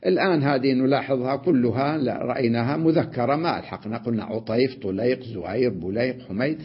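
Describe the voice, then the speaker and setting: A man teaching an Arabic grammar lesson, explaining step by step, checking in with his students and pausing on drawn-out fillers. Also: mid-range voice, husky. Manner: explains step by step, often asks "تمام؟" and adds "نعم"; drawn-out "آه" fillers between points. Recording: dull lo-fi lesson recording.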